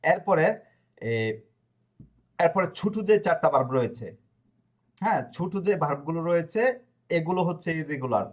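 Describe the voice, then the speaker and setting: A man teaching a language lesson, reciting verb forms slowly and checking in with his listeners along the way. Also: fairly high pitch, lively intonation. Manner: repeats conjugations slowly, with fillers and checks. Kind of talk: explaining a lesson.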